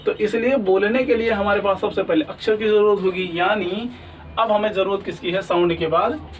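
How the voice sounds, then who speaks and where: A man's voice: high voice, fairly even intonation, normal speed, distant mic, rough recording. A man teaching an English lesson, asking questions and answering them himself, often checking that students follow. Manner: repeats "ठीक है ना?" often. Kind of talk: classroom lesson.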